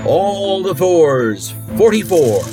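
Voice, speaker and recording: An actor playing a cranky, eccentric late-night radio host calling bingo numbers in a rambling, deadpan patter. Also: male voice, high voice, takes it slowly, music in the background, heavily acted.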